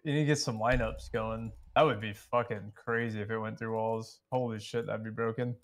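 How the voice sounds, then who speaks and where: A man's voice: on the low side, steady tone, normal speed, a crowd in the background. A man streaming a shooter game, chatting casually with friends, brash and full of swearing and trash talk. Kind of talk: casual gaming chat with friends.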